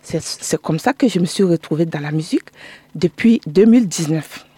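A woman's voice: lowish voice, expressive, moderate pace, mellow, husky, no room sound. A middle-aged woman from Burkina Faso, a guest telling her story in a chatty way in a radio studio interview.

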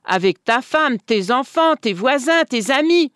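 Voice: sits high, animated, measured pace, a bit bright, clear, resonant tone, dry recording, clean studio sound, pitched above the performer's own voice. A storyteller voicing an exasperated village neighbor pleading with a confused man, in a read-aloud folk tale.

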